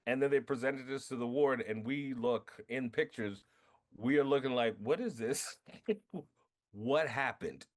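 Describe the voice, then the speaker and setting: A man being interviewed about his film, telling animated stories, acting out quotes and laughing often. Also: medium pitch, measured pace. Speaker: filmmaker guest. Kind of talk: casual interview storytelling.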